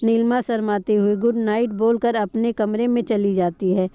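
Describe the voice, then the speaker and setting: A woman calmly narrating a scripted family drama story. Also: fairly high pitch, moderate pace, clear, resonant tone, no room sound. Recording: dull lo-fi recording.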